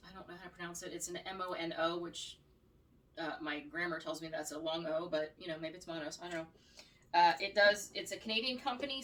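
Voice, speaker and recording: A woman's voice: lowish voice, fairly bright tone. A woman vlogger from the United States giving a casual, rambling luggage review at home, often restarting her sentences. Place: home room. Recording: distant mic, faint noise.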